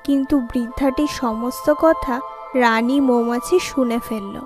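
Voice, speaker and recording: A woman narrating a cartoon fairy tale in a calm, measured way. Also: fairly high pitch, over music. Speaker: storyteller.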